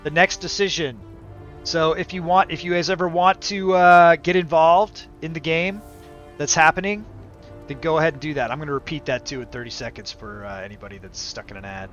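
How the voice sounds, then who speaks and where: A man's voice: fairly high pitch, brisk, a bit bright. Game stream host: middle-aged man, casual chat, dull lo-fi mic, light background music. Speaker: livestream host.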